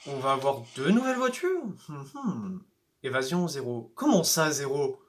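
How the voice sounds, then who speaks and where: A young man commentating a racing game, playful and excitable, teasing rival drivers and yelping when things go wrong. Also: moderate pace. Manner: playful, excitable, talks to rival drivers, bursts of high yelps. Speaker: gaming YouTuber. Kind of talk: let's play commentary. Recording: faint game music behind.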